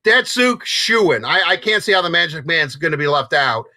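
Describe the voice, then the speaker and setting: High, bright-voiced excitable sports host. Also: male voice, normal speed, no echo. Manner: excitable, rambling with many restarts. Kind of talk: casual sports talk.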